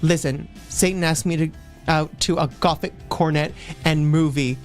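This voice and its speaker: A woman's voice: low-pitched, fairly even intonation, moderate pace, faint music behind. A woman co-hosting a livestream, giving a mock-dramatic reading of fan fiction, theatrical and stumbling over words, with asides thrown in. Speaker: livestream co-host.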